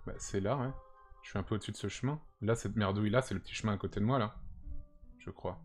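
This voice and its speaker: A young Frenchman with a lowish voice talks quickly, chatting casually and thinking aloud during a game livestream. He's close to a headset boom mic, with music playing beneath his voice.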